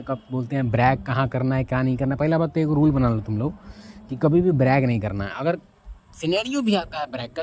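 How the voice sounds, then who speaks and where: A man's voice: mid-range voice, a little mellow, a little hiss or hum. A man giving blunt, rambling casual advice from a rooftop outdoors, often losing track of his topic. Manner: rambling, loses track and asks himself what the topic was; blunt, addresses listener with informal tu. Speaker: self-help vlogger.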